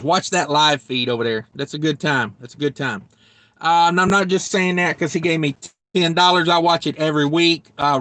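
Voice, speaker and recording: High, bright-voiced joking trucker. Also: male voice, no echo. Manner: rambling, joking, reads viewer comments aloud. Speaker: trucker livestream host. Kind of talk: casual live-stream chat.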